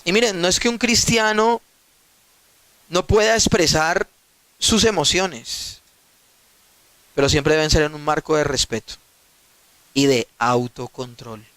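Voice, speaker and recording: A man's voice: on the high side, a little slow, long pauses, fairly bright tone, no room sound. A male pastor preaching a sermon emphatically, putting rhetorical questions to his listeners and addressing them directly.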